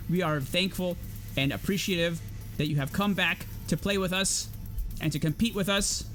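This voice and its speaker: A man hosting and casting a live esports tournament, excitable and chatty, thinking aloud as he goes. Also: high-pitched. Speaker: tournament caster and host.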